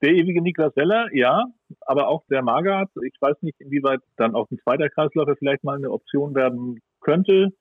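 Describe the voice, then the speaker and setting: This sports pundit, a man with a slightly high voice and a breathy edge, delivers considered, conversational analysis at a brisk pace, reasoning aloud as he goes. There's no echo, though the audio sounds dull and band-limited.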